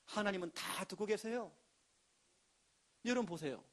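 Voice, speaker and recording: A pastor delivering an emphatic sermon in a notably high voice. He drives his points home and slips into the voices of the people he quotes. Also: moderate pace, a bit bright. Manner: emphatic preaching with acted quotes.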